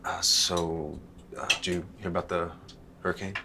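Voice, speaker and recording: A man's voice: deep voice, fairly even intonation, normal speed. A man playing a mumbling laid-back husband. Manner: mumbling, hesitant casual talk. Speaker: husband in a sketch. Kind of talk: casual sketch dialogue. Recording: noisy, distant mic. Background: clear noise.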